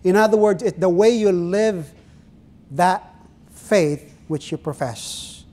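A middle-aged pastor with a high, darkish voice preaches an earnest sermon in a small church. Originally from the Philippines, he has a Filipino accent and speaks Ilonggo as his first language, and he draws out his phrases while asking his congregation questions.

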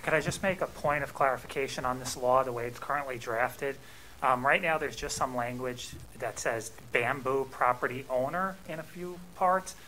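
A man's voice: medium pitch, normal speed, pushed and bright, a little hiss or hum, poor audio. A man seated at a council desk, a town official making precise clarifications. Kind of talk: meeting remarks. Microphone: desk microphone.

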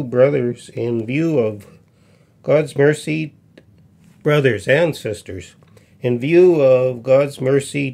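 A man in his fifties speaks slowly, with a gravelly, creaky texture. He welcomes his viewers in a folksy, pause-filled way before reading scripture aloud. He is recorded on a desk mic in a small home music room. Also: medium pitch, mellow. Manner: folksy, unhurried, with frequent pauses. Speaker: folk musician and host. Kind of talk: casual chat and Bible reading. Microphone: desk condenser mic in front.

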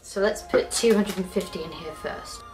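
A young British woman with a mid-range, slightly mellow voice chats at a moderate pace through a home cooking vlog in her kitchen. She rambles and pokes fun at her own mistakes in a self-mocking, chatty way. The kitchen sounds echoey, with faint music playing.

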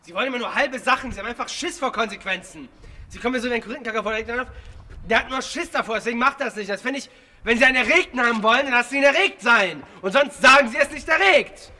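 A man plays an egomaniacal film actor in a berserk rage at his director. His voice is pushed very high and is harsh-edged with tension, full of contempt. It is a dramatic scene recorded outdoors. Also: animated, moderate pace, pushed and bright, full character voice. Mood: furious contempt. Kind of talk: dramatic re-enactment of an on-set tantrum. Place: open paved yard outdoors. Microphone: boom microphone. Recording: outdoor location sound, faint background noise.

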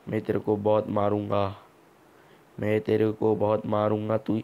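A man's voice: mid-range voice, dark tone. A man hosting a gameplay video, giving casual commentary full of teasing, mock-scolding banter.

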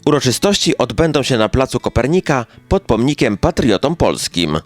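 A man's voice: medium pitch, very animated, moderate pace. A man reading a scripted local news narration in speech, as a chronicle announcer. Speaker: newsreel narrator. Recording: music bed behind the voice.

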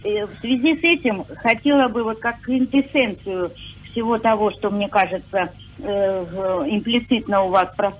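A woman in her sixties calling a radio show. She speaks hesitantly at first, then recites a poem with lively emphasis. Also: mid-range voice, moderate pace, a little hiss or hum, poor audio. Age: 60s. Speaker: caller.

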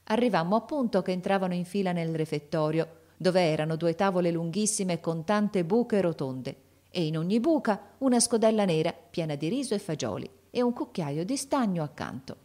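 A woman narrating an audiobook of a classic novel, reading expressively and lifting her voice for the characters' shouts. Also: lowish voice, expressive, normal speed.

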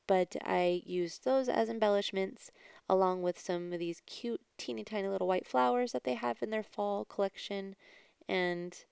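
A woman giving a casual, chatty do-it-yourself voice-over as a craft vlogger, with a creaky yet smooth voice. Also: mid-range voice, a little mellow, no echo, clean studio sound. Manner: chatty, informal. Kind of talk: casual DIY voice-over narration.

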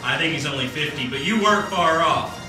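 A man's voice: on the high side, animated, fairly quick, heavy reverb, recorded from a distance, over music, lightly acted. A man playing a cheesy church news anchor, with upbeat, jokey patter in a church video sketch. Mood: cheery.

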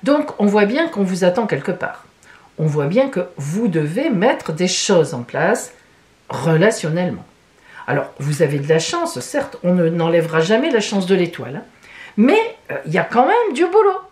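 Woman tarot reader, lively swooping pitch, emphatic chatty delivery. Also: normal speed. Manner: animated, emphatic, with many "hein" asides. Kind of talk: monthly tarot reading.

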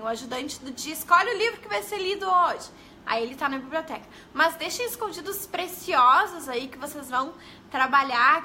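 A woman's voice: sits high, pushed and bright, slight background noise. A young woman with a Brazilian Portuguese accent, an early-literacy educator giving chatty tips in a casual live stream. She greets viewers and tags her sentences with questions.

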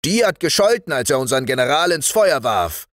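A man voicing a gruff, bossy toy-soldier sergeant who barks commands in a storybook reading. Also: on the high side, very animated, a little fast, a bit bright, no echo, clean studio sound, pitched above the performer's own voice. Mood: commanding. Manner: barked commands.

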